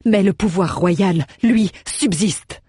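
A woman voicing an arrogant male royal counselor in an audiobook, loud and indignant. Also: medium pitch, slow pace, husky, no echo, clean studio sound. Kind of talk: audiobook character voice.

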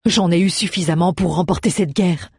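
A woman's voice: fairly low pitch, normal speed, breathy edge, no room sound, studio quality. Woman voicing a mocking young heroine. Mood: commanding. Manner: poised, cutting sarcasm. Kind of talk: audiobook character voice.

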